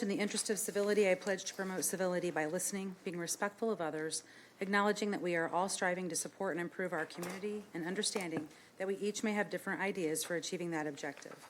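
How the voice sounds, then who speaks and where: Brisk, businesslike woman chairing, lowish voice. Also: a little hiss or hum, rough recording. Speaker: council meeting chair. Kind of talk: formal reading of agenda and procedure. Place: indoor council meeting room.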